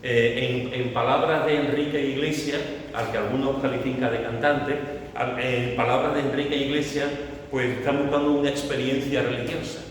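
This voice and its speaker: Predicador andaluz en una iglesia con mucho eco. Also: male voice, medium pitch, fairly even intonation, normal speed, a little hiss or hum. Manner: conversational, joking, builds to emphatic repetition. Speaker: preacher. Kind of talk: sermon. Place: church hall. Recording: echoey church hall, far from mic.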